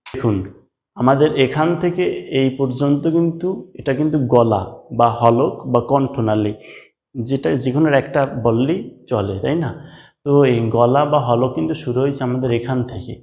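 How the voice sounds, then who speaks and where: A Quran recitation teacher gives a slow, step-by-step lesson on pronouncing letter sounds, patiently drilling the listener with repeated sounds, asking them to repeat after him and calling the viewer brother. His mid-range voice moves at a moderate pace, a little mellow, on a lo-fi recording.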